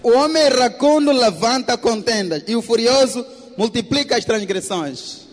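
A man with a very high, lively voice interprets a sermon phrase by phrase, mirroring the preacher's emphasis. His voice rings with a long church-hall reverb. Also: normal speed. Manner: echoes the preacher's emphasis, at times shouting.

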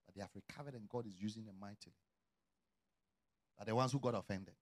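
Talking fast, a middle-aged man delivers a sermon as a pastor, his voice dropping to hushed, low asides and then rising to loud, shouted calls.

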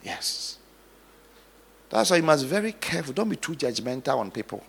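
A male pastor preaching dramatically, moving from hushed storytelling to loud exhortation. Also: a little high, big pitch swings, moderate pace, vocal fry, breathy edge. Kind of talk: sermon. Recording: long hall reverb.

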